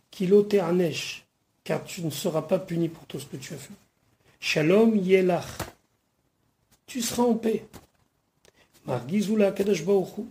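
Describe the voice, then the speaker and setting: A rabbi leads a verse-by-verse study lesson in a mellow, warm voice. He reads short Hebrew phrases and then patiently unpacks each one, explaining the grammar along the way. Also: a little high. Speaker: rabbi teaching the weekly Torah portion.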